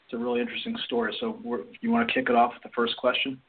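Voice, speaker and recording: Fast-talking male co-host on a phone line. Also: medium pitch, very animated, vocal fry, slight background noise. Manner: friendly, joking banter. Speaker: podcast co-host. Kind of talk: casual podcast chat. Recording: tinny phone line, distant from the mic.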